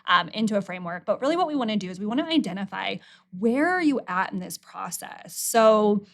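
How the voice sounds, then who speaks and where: A woman's voice: medium pitch, animated, fairly quick, creaky, fairly bright tone. A woman co-hosting an education podcast, speaking in a reflective, explanatory way with light laughs. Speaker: podcast co-host, literacy educator. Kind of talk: casual podcast chat.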